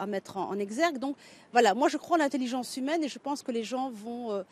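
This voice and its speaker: A woman's voice: fairly high pitch, a little mellow. A middle-aged Belgian woman, a writer and local candidate, answering interview questions thoughtfully with many hesitations and restarts.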